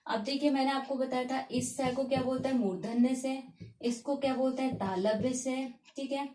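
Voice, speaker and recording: A woman's voice: high voice, fairly even intonation, normal speed, mellow. A woman teacher giving a lesson, asking herself questions and then repeating each key term to drill it in. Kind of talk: classroom-style lesson. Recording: echoey room.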